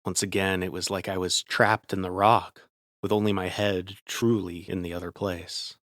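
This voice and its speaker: A man's voice: low voice, level tone, moderate pace, fairly bright tone, dry recording, clean studio sound. A man narrating a first-person horror story in a tense, scripted way.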